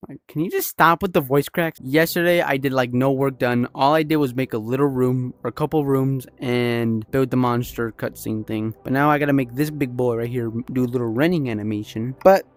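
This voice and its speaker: A man's voice: medium pitch, fairly quick, few pauses. A young man casually narrating his progress building a level in a VR game, chatty and rambling, often correcting himself. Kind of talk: casual gaming vlog narration.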